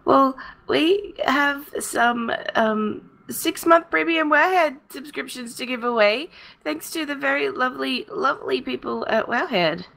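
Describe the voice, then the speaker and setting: A woman co-hosting a casual podcast, her voice husky from feeling a bit unwell, chatty and quick to giggle. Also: high voice, a bit bright. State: husky, a bit under the weather. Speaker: co-host.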